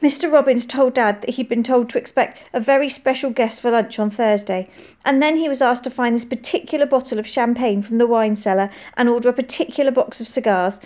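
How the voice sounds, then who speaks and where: A woman voicing an anxious young girl who is impatient at first and easily upset, speaking in a high, urgent way. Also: fairly quick, darkish tone, lightly acted. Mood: tearful.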